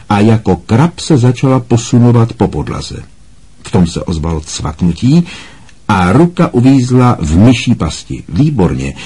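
A man reading a story aloud as an audiobook narrator, measured and voicing the dialogue. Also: mid-range voice, dark tone, husky. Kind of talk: scripted narration.

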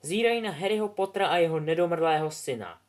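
A man voicing an embarrassed, sulky teenage boy who pleads haltingly. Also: on the high side, pitched above the performer's own voice, close to an everyday voice.

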